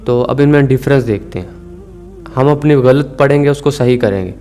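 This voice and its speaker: A man teaching Quran recitation rules, calmly explaining and slowly stretching out recited words to demonstrate. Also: mid-range voice, soft background music. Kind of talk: tajweed lesson.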